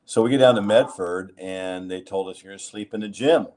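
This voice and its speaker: Guy hosting a chat, kinda low voice, tells rambling stories full of uhs. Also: brisk. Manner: rambling, animated storyteller with fillers. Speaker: host. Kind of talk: casual chat, anecdotal storytelling.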